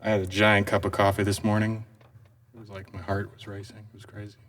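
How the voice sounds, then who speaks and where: A man's voice: fairly low pitch, completely flat delivery, quick pace, fairly bright tone. A man from Canada hosting a casual podcast, laid-back and full of fillers. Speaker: podcast host. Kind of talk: casual chat.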